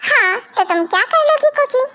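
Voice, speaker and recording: A woman's voice: very high-pitched, expressive, moderate pace, bright, forceful tone, full character voice. A woman voicing a cold, bossy young mafia husband who gives curt orders in an amateur fan dub. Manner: curt, commanding, dismissive.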